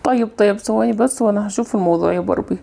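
A woman voicing Ken, a nervous young husband with an Egyptian accent, rushed and worried in an amateur game movie. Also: medium pitch, gravelly, warm tone. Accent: Egyptian Arabic.

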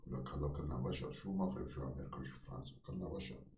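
Deep-voiced middle-aged man, teasing pranker. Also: dark tone, distant mic. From Kurdistan. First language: Kurdish. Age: 40s. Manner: teasing, rapid-fire questioning. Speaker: prank video-chat host. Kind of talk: joking chat with strangers. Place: small indoor room with bare walls. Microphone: webcam at desk distance. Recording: echoey room, voice off mic.

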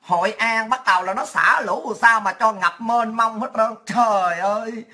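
A woman's voice: on the high side, moderate pace, pushed and bright. A woman ranting in a coarse, mocking and sarcastic monologue as a political vlogger.

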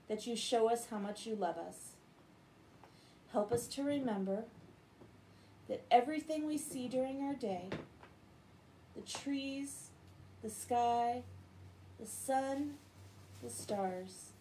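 Here a middle-aged American woman, her voice a little high and dark in tone, reads and chats with children as if telling a bedtime Bible story. The poor-quality recording, made in a home living room on a device a little way off, has a bit of hiss or hum.

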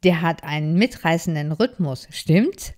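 A woman voicing a friendly, encouraging female turtle in a children's story, speaking slowly. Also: low voice, expressive, a little mellow. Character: friendly cheerful female turtle, dance teacher.

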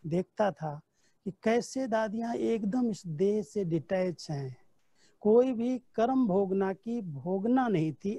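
A man leads a devotional class, weaving in personal stories and recalling conversations as he goes. His voice is mellow and relaxed, with a dry, close sound. He speaks in a steady teaching cadence. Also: sits high, no echo. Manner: storytelling, recounting dialogue from memory. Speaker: spiritual teacher giving a class.

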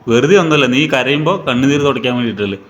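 A man's voice: mid-range voice, expressive, quick pace. A man from Kerala, a father vlogging at home and playfully quizzing his small child. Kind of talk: casual family vlog. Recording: roomy, dull, noisy home recording.

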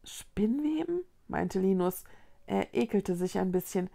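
Woman reading a kids book out loud, expressive, slow, gravelly voice. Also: mid-range voice. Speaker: storybook reader. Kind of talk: reading a children's book aloud.

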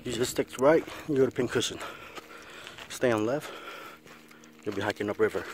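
Loud wind and rushing water fill this casual outdoor vlog, where a man in his thirties speaks at a moderate pace in a mid-range voice. He's fishing at a river and hiking up a hill trail, filming on an action camera that's both chest-mounted and held at arm's length.

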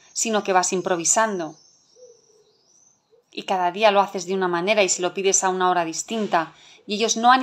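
A middle-aged woman with a Spain Spanish accent teaching a live online masterclass for parents. She talks in an earnest, emphatic way and asks many rhetorical questions. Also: medium pitch. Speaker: parenting educator.

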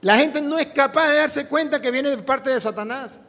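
At an ordinary pace, a priest with a rather high, spirited voice preaches through a story, acting out what each person says. Long reverb rings around him, as in a big church.

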